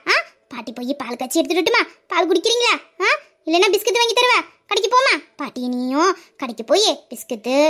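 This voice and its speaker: A woman's voice: extremely high pitch, a bit bright. A woman voicing a doting, fussy old grandmother who coos and scolds. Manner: cooing, then nagging.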